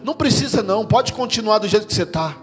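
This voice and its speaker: Preacher voicing a scornful, mocking devil. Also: male voice, high-pitched, lively intonation, fast, voice pushed down. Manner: scornful, belittling taunts. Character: mocking devil, a discouraging male tempter. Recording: long hall reverb with music.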